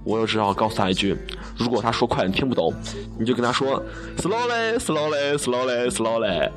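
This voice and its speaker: Over background music, a young Xi'an native who studies broadcasting tells amusing stories at a quick pace in a fairly low voice. The monologue is casual and chatty, full of self-mockery and his own laughter at his jokes.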